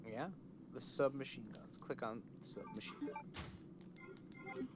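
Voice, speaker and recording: A man chatting casually with a co-host while playing a video game, reading out game text in a halting way. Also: mid-range voice, music in the background. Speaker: game streamer.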